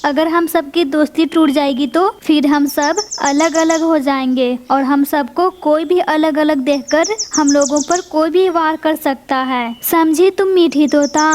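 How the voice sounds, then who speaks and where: A woman's voice: high voice, darkish tone, a little hiss or hum. A woman voicing a stern female bulbul bird in a cartoon, firm and lecturing. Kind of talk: cartoon voice acting.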